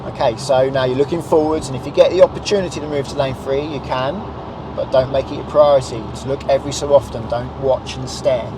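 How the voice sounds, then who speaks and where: A man's voice: mid-range voice, fairly even intonation, a little fast. A man in his thirties with a British accent, coaching a learner driver in an instructive way with short directions and checking questions. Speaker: driving instructor. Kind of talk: coaching a learner during a lesson. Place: inside a small car. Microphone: clip-on lapel mic. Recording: road and engine noise in car.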